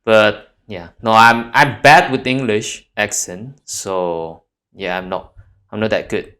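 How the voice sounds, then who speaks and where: A man's voice: fairly low pitch, fairly even intonation, slow, a bit bright. A young man with an Indonesian accent, an Indonesian native speaker, chatting playfully on a video call and bantering and laughing as he argues a point. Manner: playful, argumentative, laughs often. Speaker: language-learning video host. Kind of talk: casual video chat.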